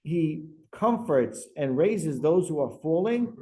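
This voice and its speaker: Slow and animated, this man's slightly high, mellow voice comes through a rough recording as he, a rabbi, teaches a Torah class. Emphatic in delivery, he asks rhetorical questions and threads Hebrew verses through his English explanation.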